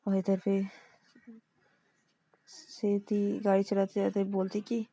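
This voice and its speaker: A woman's voice: mid-range voice, completely flat delivery, takes it slowly, warm tone, dry recording. Woman casually telling a love story. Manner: plain, repeats linking phrases.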